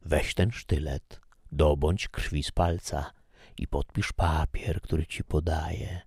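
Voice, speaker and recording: A man voicing a slow, menacing demon. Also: a bass voice, steady tone, darkish tone, breathy edge, no room sound, studio quality, exaggerated voice. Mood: commanding. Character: hissing demon tempter, menacing and cruel.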